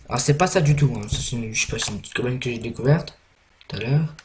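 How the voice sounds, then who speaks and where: Rambling young gamer, hesitant. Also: male voice, medium pitch, quick pace, background noise. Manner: rambling, hesitant, many fillers and restarts. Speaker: gaming YouTuber. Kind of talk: casual gameplay commentary.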